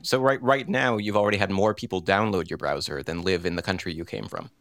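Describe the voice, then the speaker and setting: A man hosting a podcast, asking questions and reading the closing announcements in a measured, explanatory way. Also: low-pitched, a bit bright, no room sound. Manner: measured, explains points at length. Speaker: podcast host. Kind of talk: interview and scripted podcast outro.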